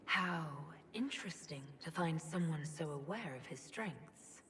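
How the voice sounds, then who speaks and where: An actress playing a composed woman leader speaking calmly and measuredly in video game dialogue. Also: low-pitched, measured pace, long reverb tail, a little hiss or hum.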